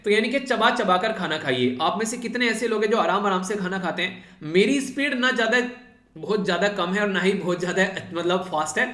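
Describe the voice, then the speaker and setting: A man's voice: high-pitched, a little fast, pushed and bright, echoey room. A man teaching a current affairs lecture for exam students in a conversational way, often repeating filler words and addressing the students directly.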